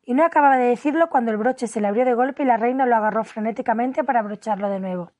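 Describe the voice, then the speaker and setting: A woman reads a classic storybook aloud, voicing its scenes with expression. Her voice sits a little higher than usual. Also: fast talker, darkish tone. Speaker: audiobook reader. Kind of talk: storybook narration.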